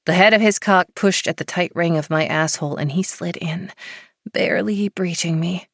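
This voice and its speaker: A woman narrating a first-person romance audiobook in an intimate, measured reading. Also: on the low side, a bit bright, no echo.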